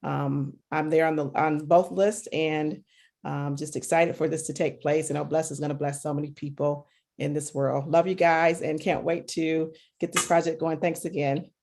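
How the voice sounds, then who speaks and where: A woman's voice: low-pitched, level tone, normal speed, vocal fry, darkish tone. Sincere woman from Michigan. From Michigan, USA. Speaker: clinical social worker. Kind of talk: online group meeting talk.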